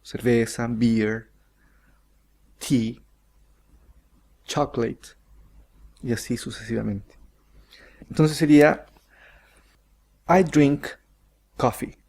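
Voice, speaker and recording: A man teaching English grammar, explaining slowly and carefully and stretching out each English example sentence. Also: mid-range voice, steady tone, a little mellow. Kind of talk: recorded grammar lesson.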